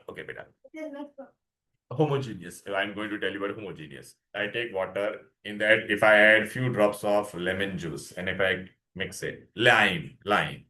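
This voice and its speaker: A man's voice: medium pitch, a bit bright. A male school science teacher with an Indian accent, teaching a class in English mixed with Hindi, repeating points and checking understanding with short tag questions. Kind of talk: classroom lesson with questions to students.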